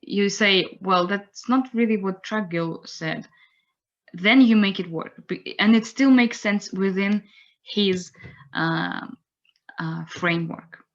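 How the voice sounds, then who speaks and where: Young woman w/ lecturing over a video call, slow and searching for words, kinda muffled audio. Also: mid-range voice. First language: Russian. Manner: unhurried, pausing to search for words. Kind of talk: online lecture. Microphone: computer mic on a video call.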